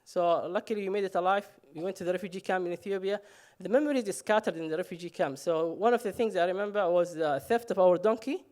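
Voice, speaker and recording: A man tells his own story on stage in a fairly high voice. He jokes at himself and often stops on "uh". The talk stays loose and unscripted. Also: fast talker, hardly any pauses, darkish tone. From Somalia. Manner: humorous, self-mocking, frequent "uh" fillers. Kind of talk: live personal storytelling on stage.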